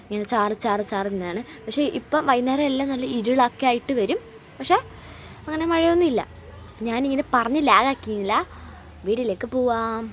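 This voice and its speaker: A chatty woman with a fairly high voice talks her viewers through her home garden, filming on a phone outdoors. Faint outdoor noise sits under her voice. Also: brisk. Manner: chatty, addresses viewers as guys. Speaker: vlogger. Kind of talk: casual vlog walkthrough.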